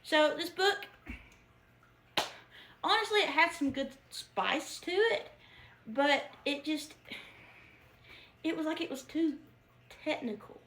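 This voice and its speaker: A woman's voice: high voice, slow pace, long pauses, a bit bright, slight background noise. A woman giving a casual book review, chatty and giggly, with lots of fillers and restarts. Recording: echoey room.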